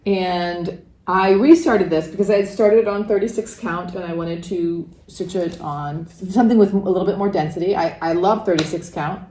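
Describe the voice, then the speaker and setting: A woman's voice: on the low side, mellow, slight background noise. An older woman co-hosting a crafting show, chatting casually and thoughtfully explaining how she works. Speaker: co-host. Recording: echoey room.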